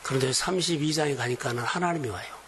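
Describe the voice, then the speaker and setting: A man preaching a sermon as pastor of a church, in earnest, slow, emphatic phrases. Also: medium pitch, a bit bright, slight background noise. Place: church sanctuary.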